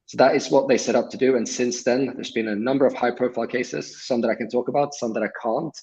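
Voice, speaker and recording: A man from Sweden, a guest on a livestream, explaining things in a measured way with frequent filler words. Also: medium pitch, steady tone, a little mellow, lo-fi sound. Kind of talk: livestream interview.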